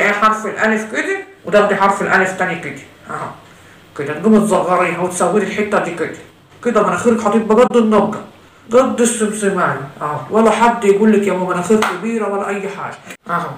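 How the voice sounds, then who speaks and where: Woman playing a show-off egyptian girl doing a joke makeup tutorial, quick talker, echoey room. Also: medium pitch, distant mic, natural voice. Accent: Egyptian Arabic. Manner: mock makeup tutorial, chatty, teasing. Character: vain teenage girl doing makeup for the holiday. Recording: roomy echo, voice from off-mic.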